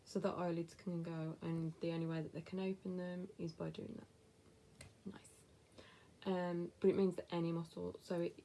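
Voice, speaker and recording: Chatting to camera, a woman in her thirties from England answers viewers bluntly in a West Midlands accent, now and then dropping into a whisper for asides. Her mellow voice sits on the low side with little pitch movement and a measured pace, and a little hiss or hum can be heard.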